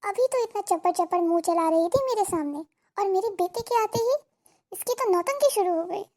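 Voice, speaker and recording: A woman's voice: very high voice, lively intonation, fairly quick, dark tone. A woman voicing a scolding, sarcastic mother-in-law in a cartoon comedy. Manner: nagging, sarcastic, theatrical complaining. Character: scolding middle-aged Indian mother-in-law.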